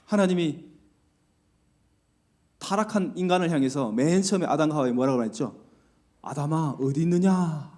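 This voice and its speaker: A man with a fairly high voice delivers a church sermon in a chatty, storytelling way. He asks the congregation questions and briefly acts out the lines he quotes. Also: dark tone. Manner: conversational preaching with rhetorical questions. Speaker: pastor. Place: church sanctuary.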